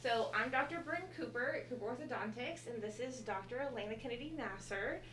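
A woman's voice: a little high, fairly quick, fairly bright tone. Female live-stream host, casual, speaking through a face mask, roomy echo and some noise. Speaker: host, orthodontist. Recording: echoey room with background noise.

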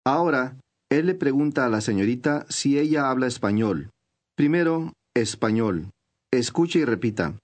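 A man reading scripted instructions for a language course, clear and measured. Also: mid-range voice, animated.

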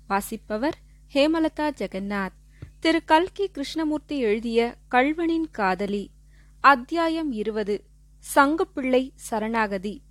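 A woman reading a classic novel aloud as an audiobook narrator, in a measured, expressive storytelling voice. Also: high voice, dry recording. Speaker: audiobook reader. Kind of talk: scripted narration.

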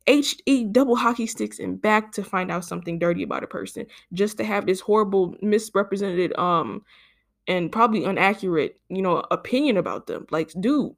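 A young woman hosting a solo podcast, speaking, rambling and exasperated, with many fillers and stumbles. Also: mid-range voice. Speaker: podcast host. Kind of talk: casual solo podcast monologue.

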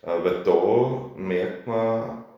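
A man's voice: low-pitched, extremely slow, muffled recording. A man, a festival organizer chatting in an interview, often seeking agreement with little tag questions. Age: 30s. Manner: chatty, filler-heavy, asks for agreement. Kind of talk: casual radio interview. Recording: very echoey room.

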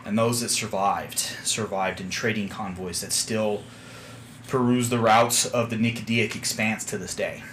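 A man voicing a gruff tiefling sea captain from the south with a Southern US drawl, measured and grave. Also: fairly low pitch, steady tone, a bit bright, slight background noise.

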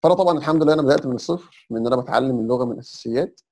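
Fast, gravelly Egyptian man. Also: medium pitch, darkish tone. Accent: Egyptian Arabic. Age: young adult. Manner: explains step by step, sprinkles English terms. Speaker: podcast guest. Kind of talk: casual advice chat.

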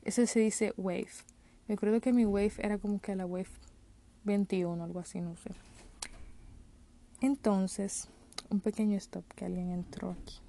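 Chatty woman with a mellow voice. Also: medium pitch, steady tone, unhurried, gravelly, long pauses, slight background noise. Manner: chatty, mixes in English call-center words. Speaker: vlogger. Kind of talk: casual personal storytelling.

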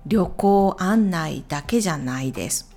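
A woman hosting a solo podcast, talking clearly and unhurriedly, with soft whispered asides. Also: fairly low pitch, expressive, measured pace, soft background music. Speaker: podcast host. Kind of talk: scripted solo podcast recommending YouTube channels.

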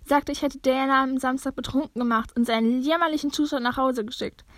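A woman's voice: high-pitched, steady tone, a little fast, a bit bright, no echo, clean studio sound. A woman voicing a dramatic, tearful young orphan girl in a read-aloud storybook, with a plaintive, theatrical way of lamenting.

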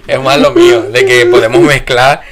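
A man's voice: medium pitch, normal speed, a crowd in the background. A young man with a Venezuelan accent, co-hosting a casual chat and slipping into slangy, joking talk. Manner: relaxed, slangy, mimics accents for laughs. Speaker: podcast co-host.

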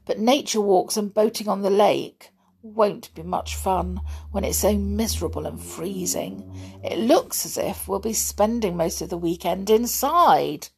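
A woman's voice: mid-range voice, expressive, unhurried, darkish tone, husky. A woman reading as an eager young girl.

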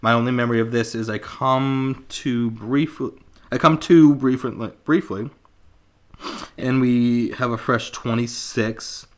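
A man's voice: mid-range voice, steady tone, measured pace. Man in his twenties, podcast co-host, reading aloud, casual, laid-back, laughs a lot.

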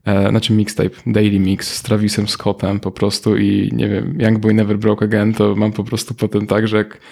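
A man's voice: lowish voice, monotone, normal speed, creaky, darkish tone. A man appearing as a guest on a podcast, chatting casually about music he listens to. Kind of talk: casual chat.

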